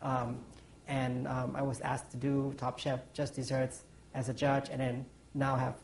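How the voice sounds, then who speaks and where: A man's voice: medium pitch, completely flat delivery, unhurried, creaky, slight background noise, rough recording. A man in his forties from Thailand, a pastry chef answering on a panel, rambling with lots of ums and restarts. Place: conference stage.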